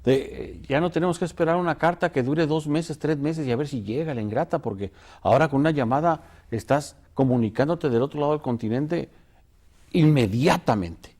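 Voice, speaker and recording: A man's voice: a little high, moderate pace, a little mellow. A male pastor talking earnestly and emotionally about God's love on a devotional talk show.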